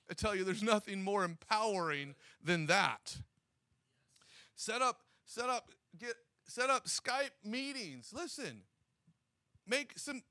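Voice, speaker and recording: A man preaching an energetic sermon, urging listeners on with repeated phrases. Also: very high-pitched, dry recording, studio quality.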